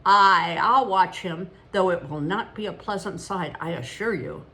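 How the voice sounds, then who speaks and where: A woman in her older years reading aloud as a good-natured one-eyed old man with a high-pitched cackle, in an emphatic, amused manner. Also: animated, a little slow, fairly bright tone.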